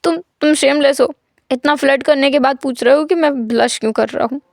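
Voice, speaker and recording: A woman's voice: high voice, brisk, creaky, no room sound, studio quality. A woman voicing a shy, easily embarrassed young man in a storytelling fan fiction, stammering and protesting. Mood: flustered.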